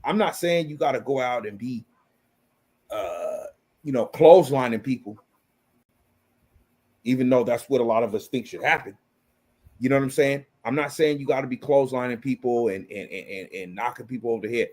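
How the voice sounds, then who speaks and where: A man's voice: medium pitch, moderate pace, long pauses, darkish tone, slightly rough. A man in his thirties delivering an impassioned opinion rant, blunt and profane, repeating phrases for emphasis.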